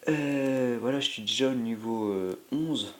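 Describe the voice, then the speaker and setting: A man plays a mobile game and talks through it at an unhurried pace, his voice medium-pitched. He has a cold, is stuffy and exhausted from a sleepless night, and his rambling, hesitant commentary is full of filler sounds.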